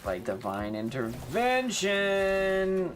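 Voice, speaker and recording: Streaming a game live, a person with an androgynous, medium-pitched voice speaks unhurriedly in a sing-song way, drawing out words. The talk is casual and sweary, peppered with self-mocking slang, while faint music plays in the background.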